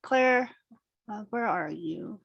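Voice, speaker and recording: A woman moderating a virtual meeting in a brisk, friendly, informal way. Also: mid-range voice, expressive, vocal fry, slightly rough, dry recording, lo-fi sound.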